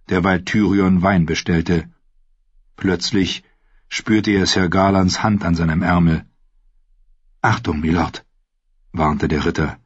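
A man narrating a fantasy novel in an expressive, measured reading. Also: low-pitched, husky, no echo, dull audio. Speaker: audiobook narrator.

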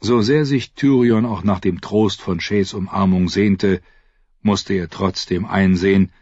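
A man reading fantasy narration in a measured, subdued way for an audiobook. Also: sits low, steady tone, a little mellow, slightly rough, dry recording, highs cut off.

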